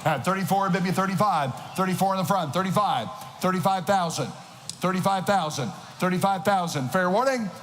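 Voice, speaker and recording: High-pitched male auctioneer chanting in a hall. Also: fairly quick, fairly bright tone. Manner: insistent, rhythmic bid calling. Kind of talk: auctioneer chant, rapid repeated numbers and filler phrases. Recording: echoing hall PA with noisy ambience.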